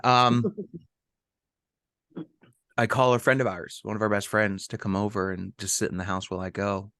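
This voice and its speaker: Low-voiced man telling a personal story. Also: little pitch movement, a bit bright, no room sound, clean studio sound. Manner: halting, with many ums and restarts. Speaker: podcast co-host.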